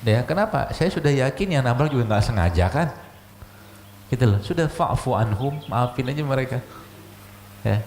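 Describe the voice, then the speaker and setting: A man's voice: mid-range voice, darkish tone. A man, a doctor giving a religious health lecture, chatty and full of rhetorical questions. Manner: conversational, rhetorical questions, frequent "gitu loh" asides. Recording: echoey room, faint ambient noise.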